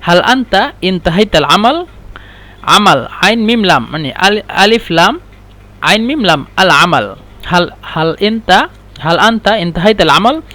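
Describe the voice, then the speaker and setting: A man with a high voice teaches a language lesson. He repeats each phrase again and again and spells words out letter by letter. His pace is patient and careful. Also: pushed and bright. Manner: patient and repetitive, slow careful drilling. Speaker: Arabic teacher.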